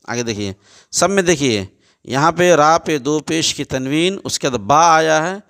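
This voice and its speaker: A man's voice: fairly high pitch, lively intonation, fairly bright tone. A man teaching Quran recitation, spelling out letters and vowel marks step by step and switching between chanted recitation and plain spoken explanation. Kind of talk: recitation lesson.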